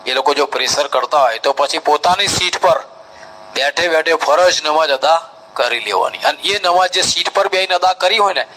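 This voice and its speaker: A man's voice: on the high side, moderate pace, bright, forceful tone, a little hiss or hum, rough recording. A man with a Gujarati accent giving a live training talk as a Hajj trainer, explaining things step by step. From India. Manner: instructive, step-by-step, mimics crowds.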